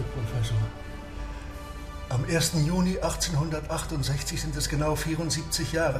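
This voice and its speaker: An actor playing a proud, embittered submarine captain in a radio drama, speaking in a deliberate, formal and solemn way. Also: male voice, fairly high pitch, close to an everyday voice. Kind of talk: German radio drama acting.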